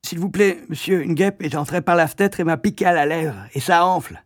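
A man's voice: on the high side, fairly quick, no echo, studio quality, voice pushed up, lightly acted. A man doing a pleading schoolboy. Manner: pleading, whiny. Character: young schoolboy with swollen lip, pleading.

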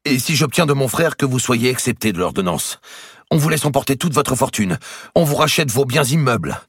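A man voicing a proud but desperate archbishop in an audiobook, pleading and insistent, pushing his voice higher and louder. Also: animated, a little fast, husky, no room sound. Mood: agitated, pleading. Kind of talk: audiobook character reading. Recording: dry close recording.

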